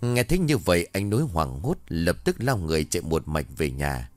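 A man tells a ghost story in a deep, low voice. His delivery is steady and matter-of-fact. The recording is dry and close to the mic. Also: a little fast, no echo. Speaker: narrator.

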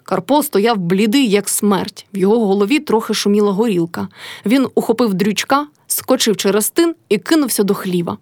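A woman's voice: medium pitch, moderate pace, no echo. Woman narrating a classic novel, dry close sound. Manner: expressive reading. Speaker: reader.

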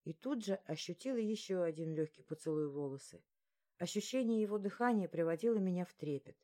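A woman narrating a first-person romance audiobook in a soft, even storytelling voice. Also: on the low side, fast talker.

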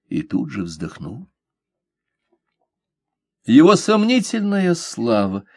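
A man reading an adventure novel aloud as narrator, in a steady, measured manner. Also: mid-range voice, no echo, clean studio sound. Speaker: audiobook narrator. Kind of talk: scripted narration.

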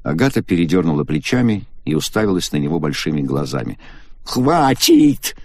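A man narrating a novel as an audiobook in an expressive, measured way. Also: extremely low pitch, dry recording, clean studio sound.

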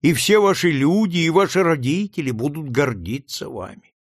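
A meek, devout older man , voiced by a man reading aloud speaks in a soft, lowered, unhurried voice. His delivery is tender and patient. The recording is dry and close. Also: animated, no room sound. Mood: counseling. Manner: soft, slow, tender speech. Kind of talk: audiobook character reading.

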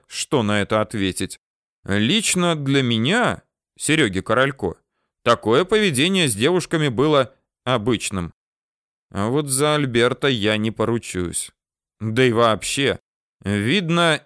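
A man's voice: mid-range voice, fairly bright tone, clear, resonant tone, no echo, studio quality. A man narrating a first-person audiobook in a wry, ironic, matter-of-fact way.

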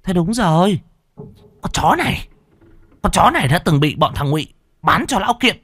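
A man voicing a vicious, heavyset middle-aged female human trafficker in a spoken story, with a shrill, screeching delivery. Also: lively intonation, normal speed, fairly bright tone, slightly rough, full character voice. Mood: accusing.

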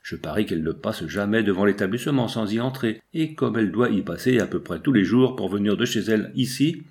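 Man reading young art student, brash, rambling, chatty, lowish voice. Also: animated, a little mellow. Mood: indignant. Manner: rapid, unstoppable rambling.

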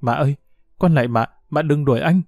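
A frightened young woman pleads and begs in tearful bursts, played by a male reader. The voice rides a little higher than his own, with a warm, mellow tone. It is recorded close and dry. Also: fairly quick, vocal fry, no room sound, faint music behind. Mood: pleading. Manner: pleading, begging.

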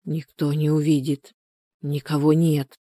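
A woman reading the lines of a pushy, hot-tempered married man in an urgent, gruff manner. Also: low voice, flat delivery, unhurried, dark tone, dry recording, clean studio sound. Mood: pleading.

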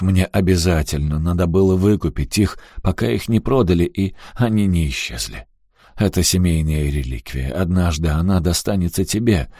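Man doing a guilty father, pleading, placating, deep voice, dry sound. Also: mellow, no room sound. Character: guilty pleading middle-aged father, weak-willed.

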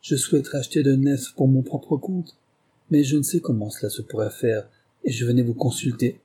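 A man's voice: mid-range voice, steady tone, a little fast, mellow, husky, close to an everyday voice. A man voicing a timid young wife who asks her husband for something in an earnest, hesitant way. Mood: pleading.

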